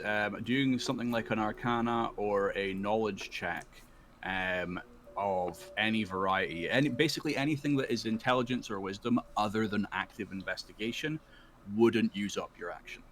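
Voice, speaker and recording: A man narrating as the dungeon master of an online tabletop game, laughing easily and pausing with fillers as he describes the action. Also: fairly low pitch, fairly bright tone. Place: online voice call.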